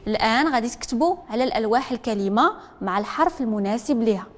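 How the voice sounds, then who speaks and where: A woman's voice: fairly high pitch, expressive, very fast, slight background noise. A woman with a Moroccan Arabic accent teaching a literacy class, drilling pupils to repeat after her. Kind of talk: classroom lesson. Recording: echoey classroom with long reverb.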